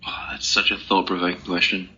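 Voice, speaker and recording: Whispered yet forceful, this young interview guest's low, monotone voice is bright with a breathy edge and moves fairly quickly. An author and speaker, he reflects casually on the questions, thinking aloud informally. The recording sounds dull and lo-fi.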